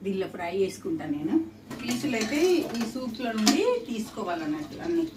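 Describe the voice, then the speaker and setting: A woman's voice: a little high, sing-song, fairly quick. Chatty Telangana woman in a noisy, roomy kitchen. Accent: Telangana Telugu. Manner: chatty, rambling, repeats herself. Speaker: home cooking vlogger. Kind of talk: casual chat while cooking. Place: indoor home kitchen. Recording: roomy, distant mic, clear kitchen sizzle. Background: sizzling oil, clattering pots and pans.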